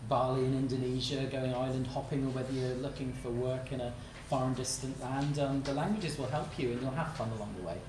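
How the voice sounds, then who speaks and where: Relaxed thirty-something panelist, kinda distant from the mic, roomy hall hiss. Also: medium pitch, a little fast, hardly any pauses. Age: 30s. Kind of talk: panel discussion. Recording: echoey hall, mic far off, some noise.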